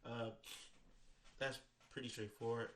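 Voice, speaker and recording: A man's voice: mid-range voice, level tone, a little slow, a bit bright, slight background noise. Stuffy-nosed man explaining stock basics. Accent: American. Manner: loose and conversational, many "right?" tags. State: stuffy nose from a cold. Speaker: finance educator. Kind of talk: casual explainer talk to camera. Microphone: studio microphone with headphones.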